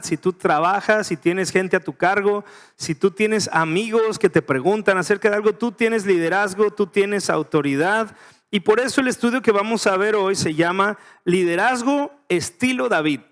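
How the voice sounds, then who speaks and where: A middle-aged man with a Mexican Spanish accent leads a verse-by-verse Bible study. His voice sits high, and he talks in a chatty, joking way, often turning questions to his listeners. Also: fairly bright tone. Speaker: pastor teaching a Bible study. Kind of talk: casual verse-by-verse Bible teaching.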